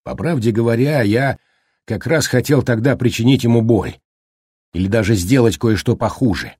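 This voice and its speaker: A man's voice: mid-range voice, normal speed, a little mellow, slightly rough, no echo, clean studio sound, natural voice. A man voicing a blunt, guilt-ridden husband. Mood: tense. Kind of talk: audiobook character reading.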